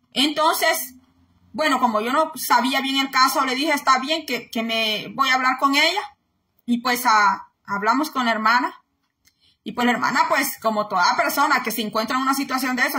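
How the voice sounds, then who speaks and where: Bright-voiced woman preaching a testimony. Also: a little high. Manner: repetitive storytelling, often addresses listeners as brothers and sisters. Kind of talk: informal spoken testimony and preaching.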